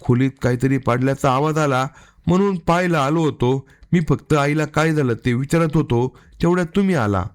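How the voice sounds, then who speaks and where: A man's voice: on the high side, normal speed, lightly acted. A man voicing a nervous young brother-in-law who protests his innocence, in a storybook reading. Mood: defensive.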